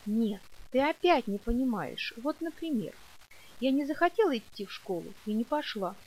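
A woman's voice: fairly high pitch, lively intonation, normal speed, a little mellow, low-quality recording. A woman reading an audiobook and voicing a willful, defiant young girl who explains herself with stubborn childish logic.

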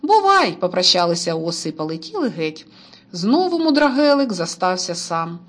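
Lively woman reading a children's story. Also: fairly low pitch, brisk. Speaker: narrator.

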